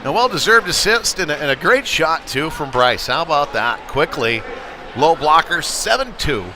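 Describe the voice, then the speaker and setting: At an indoor ice rink, a man with a higher, sing-song voice gives play-by-play of youth hockey at a normal speed. His delivery is chatty, with filler words and casual asides, and the live broadcast is noisy.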